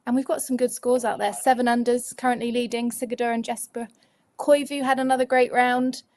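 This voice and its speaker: A woman's voice: on the high side, fairly even intonation, a little fast, darkish tone. A woman co-hosting a live golf tour broadcast, chatty and teasing her co-host as she runs through the standings. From Europe.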